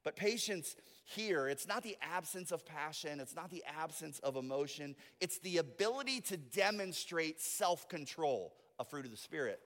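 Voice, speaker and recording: A man preaching a sermon as pastor, moving between soft, intimate asides and loud, emphatic declarations. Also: on the high side, animated, normal speed, few pauses, long reverb tail.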